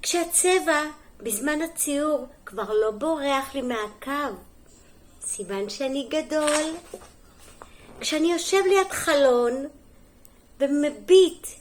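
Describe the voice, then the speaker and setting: Reading to a group of little kids, this middle-aged kindergarten teacher uses a high, animated female voice. She keeps it gentle and sing-song, stopping now and then for asides and questions.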